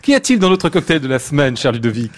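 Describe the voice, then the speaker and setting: A man's voice: fairly high pitch, big pitch swings, fast talker. A man hosting a live radio talk show in a hotel, chatty and playful with his guests. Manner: chatty, laughs often, playful. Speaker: radio host. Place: hotel lounge, live with audience.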